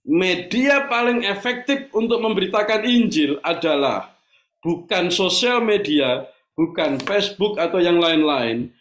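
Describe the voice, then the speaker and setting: Male pastor, high voice, chatty sermon, echoey hall. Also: animated, a little slow, fairly bright tone. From Indonesia. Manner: chatty storytelling, addresses congregation often.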